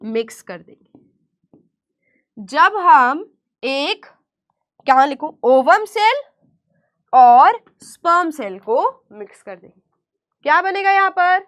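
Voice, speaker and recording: A woman teacher giving an online class lecture, speaking slowly and deliberately, asking questions and answering them herself in a coaxing way. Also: high-pitched, very animated, fairly bright tone.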